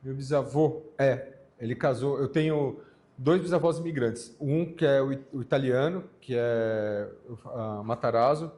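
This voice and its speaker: A man hosting a podcast who asks quick questions and cracks jokes with his guests. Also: medium pitch, darkish tone. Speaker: podcast host. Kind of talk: casual interview talk.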